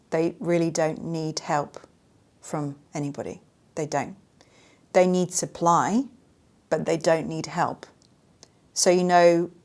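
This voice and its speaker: A woman's voice: on the low side, darkish tone. A woman hosting a solo podcast, talking earnestly and emphatically and repeating her points for stress. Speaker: podcast host.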